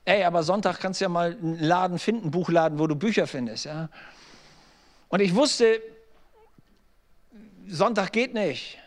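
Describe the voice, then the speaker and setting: High-voiced storytelling pastor, a man. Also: moderate pace, pauses often. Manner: storytelling preacher, acts out quoted voices, direct address to listeners. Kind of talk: sermon.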